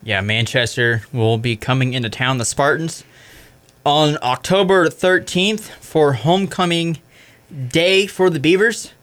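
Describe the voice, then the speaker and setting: A man's voice: a little high, a little slow, a bit bright. Casual young male sports radio host. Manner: casual, fills with "I mean", corrects himself. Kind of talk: college radio sports recap.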